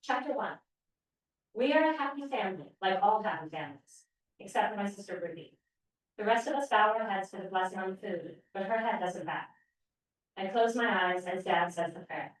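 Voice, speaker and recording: A woman's voice: mid-range voice, normal speed. Woman author reading in an echoey room. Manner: expressive first-person reading, brief hesitations between parts. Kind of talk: reading aloud from her novel. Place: library event room. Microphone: podium microphone. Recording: very echoey room, voice far from mic.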